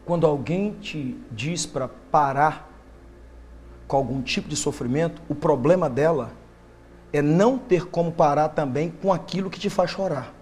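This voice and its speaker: A male preacher, delivering an impassioned sermon that swings from loud bursts to hushed intensity. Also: fairly high pitch, unhurried, slight background noise.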